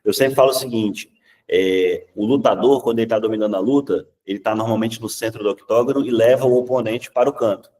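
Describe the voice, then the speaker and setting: A Brazilian man with a fairly low voice gives a public speaking lesson in a chatty, animated way. He often tags his points with a quick "tá?" and acts out examples. He sounds set back from the microphone. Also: distant mic. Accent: Brazilian Portuguese. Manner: lively and conversational, often ending points with "tá?".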